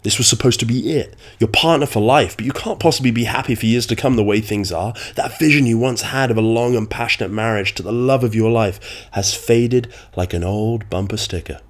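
A man's voice: mid-range voice, brisk, few pauses. A man with a nasal, congested voice from a cold, hosting a solo podcast in a conversational, wordy and slightly dramatic way. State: getting over a cold. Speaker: podcast host.

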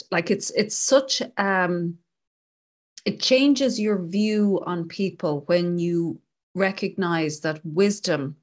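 A woman talking thoughtfully in a casual conversation, gently explaining an idea through a story. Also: mid-range voice. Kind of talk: reflective conversation.

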